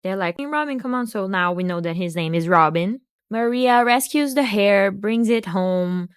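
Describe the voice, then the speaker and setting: A woman's voice: mid-range voice, unhurried, clean tone, no echo, studio quality. A woman hosting a video, giving a casual recap of a film and book with joking asides and restarts. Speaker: video host.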